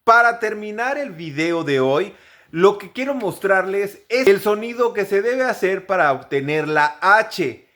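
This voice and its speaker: A man teaching English pronunciation, repeating each example word slowly several times. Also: sits high. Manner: upbeat, animated sign-off. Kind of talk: pronunciation lesson.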